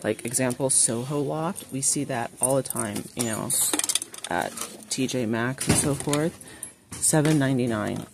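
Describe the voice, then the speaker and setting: Speaking a little slowly in a bass voice, a woman narrates a chatty shop-with-me video while browsing a large retail store indoors. This shopping vlogger reads out prices and talks to her viewers as "you guys." She holds the phone while filming and stays off camera, with clear store noise in the audio.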